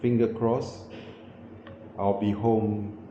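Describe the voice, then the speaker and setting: A New Zealand travel vlogger with a low, flat voice and a dark tone walks the camera through his small, windowless hotel room. He speaks haltingly, repeating and correcting himself with lots of fillers. The recording is echoey and muffled, with a noisy background.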